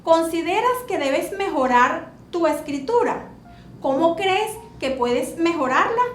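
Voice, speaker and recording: A woman teacher explaining punctuation to children in a slow, deliberate classroom manner. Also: very high voice, lively intonation, a little hiss or hum. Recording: echoey room with faint music.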